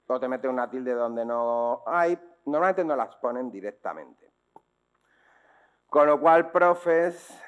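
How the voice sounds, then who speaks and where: A man with a Spanish accent from Spain giving a public talk to teachers and parents, explaining in a didactic way and often checking in with rhetorical questions. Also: medium pitch. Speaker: speaker on dyslexia.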